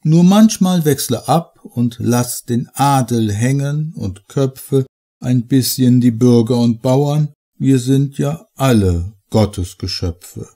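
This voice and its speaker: A man reading a long narrative poem aloud in a measured, dramatic recital. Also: medium pitch, mellow. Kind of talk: scripted poetry reading.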